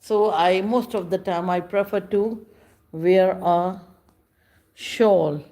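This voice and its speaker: A woman, chatting casually with viewers on a livestream in slow, halting speech with many pauses. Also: lowish voice, fairly even intonation, warm tone. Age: 50s. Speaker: livestream host. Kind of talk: casual live chat with viewers.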